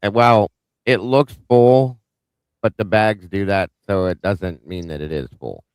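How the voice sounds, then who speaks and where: A man co-hosting a casual livestream case discussion, blunt and joking, quick to poke fun at himself. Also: on the low side, a little mellow, clear, resonant tone, no room sound, poor audio. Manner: blunt, joking, self-deprecating. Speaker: livestream co-host.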